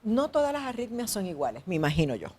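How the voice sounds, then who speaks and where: A woman's voice: mid-range voice, very animated, fast talker, a little mellow, husky. A woman hosting a health interview, asking questions and rephrasing the answers for listeners. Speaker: health show host.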